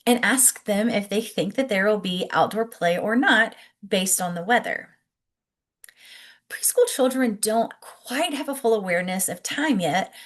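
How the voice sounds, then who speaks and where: A woman presenting scripted teaching tips as an early childhood educator, explaining clearly and encouragingly and speaking directly to the listener. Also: mid-range voice. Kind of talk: instructional presentation, scripted narration to camera.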